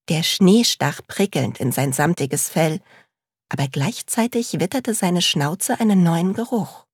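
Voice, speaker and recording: A woman narrating a storybook in a slow, calm, measured reading. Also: mid-range voice, slightly rough, no room sound, studio quality.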